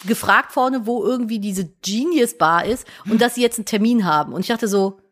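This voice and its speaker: A woman's voice: fairly high pitch, brisk. A woman telling a story in casual chat and acting out both sides of the quoted dialogue.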